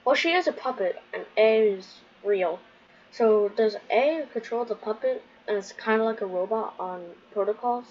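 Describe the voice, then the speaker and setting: A woman streams a game playthrough, thinking aloud hesitantly in casual commentary. Her voice is on the high side with a darkish tone and a normal pace, captured on a dull lo-fi mic with faint noise.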